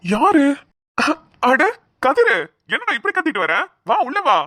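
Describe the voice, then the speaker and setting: A woman voicing a patient, bewildered middle-aged father in a cartoon, trying to calm a friend. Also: high voice, measured pace, no echo, clean studio sound, full character voice. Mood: puzzled. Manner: puzzled, placating. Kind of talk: cartoon voice acting.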